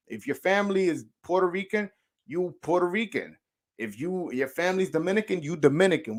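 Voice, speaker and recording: On a boxing livestream, a New York-accented man with a fairly bright voice on the high side chats casually about viewer comments. He's profane and slangy, and he often stammers and restarts his sentences.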